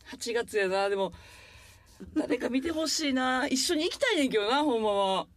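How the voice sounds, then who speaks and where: A woman's voice: fairly high pitch, animated, normal speed. A woman with a Kansai accent co-hosting a comedy podcast. She keeps up constant backchannels and leads the segments. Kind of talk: casual chat.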